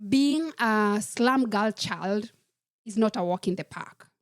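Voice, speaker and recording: A woman from Kenya, a podcast guest telling her life story in a measured, reflective way. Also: medium pitch, animated, clean tone, dry recording, clean studio sound. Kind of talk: personal storytelling in a podcast interview.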